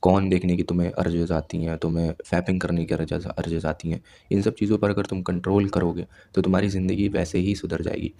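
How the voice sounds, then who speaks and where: A man's voice: low-pitched, level tone, fast talker, gravelly, hardly any pauses, warm tone. A man in his twenties giving blunt self-improvement advice straight to his viewers, lecturing them directly. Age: 20s. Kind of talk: advice monologue to camera.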